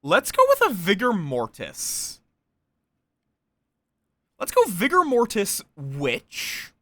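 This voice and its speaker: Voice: mid-range voice, wildly swooping pitch, slow, pushed and bright, no room sound. A game streamer and storyteller chatting casually with friends and viewers, playful, with little sing-song interjections. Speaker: streamer and game storyteller running an online social deduction game.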